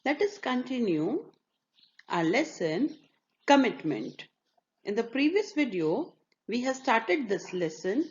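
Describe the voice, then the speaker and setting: A woman teacher, slowly retelling a story to her pupils with small hesitations. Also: a little high, big pitch swings. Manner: slow, deliberate, with hesitations. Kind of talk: storytelling lesson. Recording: dull lo-fi recording.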